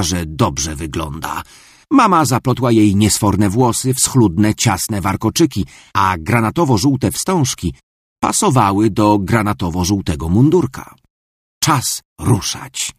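Expressive, husky male storyteller. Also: fairly low pitch, no echo, clean studio sound. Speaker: narrator. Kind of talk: children's story read aloud.

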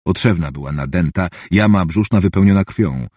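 A man reading a novel aloud as an audiobook, in an even, measured narration. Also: low voice, slightly rough, dry recording, studio quality.

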